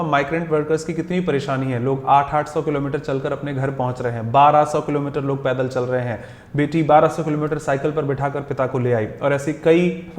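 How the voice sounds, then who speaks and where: A man's voice: a little high, roomy sound. A young Indian man with an Indian accent teaching English vocabulary in a video lesson, explaining patiently and spelling words out letter by letter.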